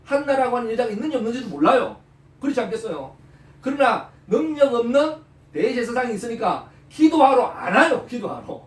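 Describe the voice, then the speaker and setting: A male pastor preaches with animation, prodding the listeners with questions. His voice sits very high and swings widely. The sound is roomy and distant from the mic. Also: a little fast. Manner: animated, peppers talk with rhetorical questions and "eh?" prompts. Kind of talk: sermon.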